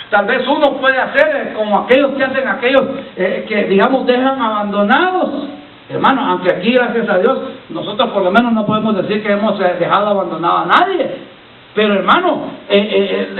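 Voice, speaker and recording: A man delivers a sermon, calling out for the congregation to repeat after him. His voice sits unusually high. The recording is echoey, distant and thin, like a phone line, with faint hiss. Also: a little fast. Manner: preachy, calls on the congregation to repeat lines; keeps addressing listeners as brother. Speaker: pastor. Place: church hall. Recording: echoey far-off church recording over a lo-fi line.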